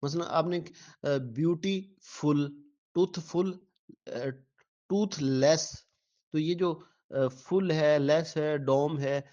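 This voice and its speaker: A man's voice: a little high, a little mellow, muffled recording. Patient male teacher drilling vocabulary. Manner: patient, repeats words slowly syllable by syllable, asks and answers own questions. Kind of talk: exam-prep lecture to students.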